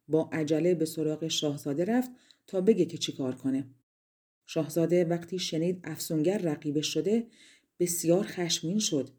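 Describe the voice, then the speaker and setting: A woman from Iran narrating a fairy tale audiobook in a measured storytelling manner. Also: fairly low pitch, mellow.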